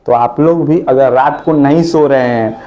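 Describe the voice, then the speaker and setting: A man's voice: mid-range voice, normal speed, muffled recording. A man teaching a live computer class, chatty and teasing, often asking his students questions back.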